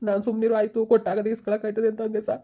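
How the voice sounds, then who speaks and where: A woman's voice: medium pitch, monotone, racing, mellow, close to an everyday voice. A woman playing a grieving middle-aged village husband, crying and pleading in a village drama. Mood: tearful. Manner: pleading, sobbing speech.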